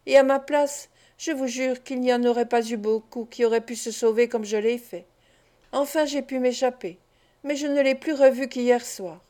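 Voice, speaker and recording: A desperate young woman of the streets pleads through tears, read by a woman narrator. The voice sits fairly high yet sounds soft and mellow. This is an audiobook of a classic novel. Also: steady tone, moderate pace, close to an everyday voice. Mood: pleading. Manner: pleading, tearful.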